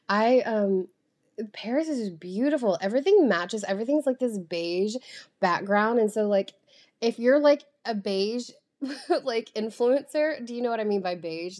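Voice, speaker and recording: An American woman telling a casual, rambling travel story as a vlogger, full of fillers and the odd curse word. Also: mid-range voice. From United States. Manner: chatty, rambling, lots of fillers and casual cursing.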